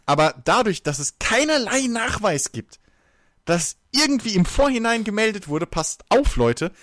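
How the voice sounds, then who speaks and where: A man's voice: high voice, sing-song, moderate pace, a bit bright, dry recording, clean studio sound. A man in a heated casual debate, talking emphatically and arguing his point, swearing freely.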